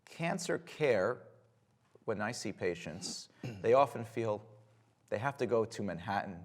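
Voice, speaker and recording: A man hosting a public television health interview, opening his lines with energetic emphasis. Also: lowish voice, measured pace. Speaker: host.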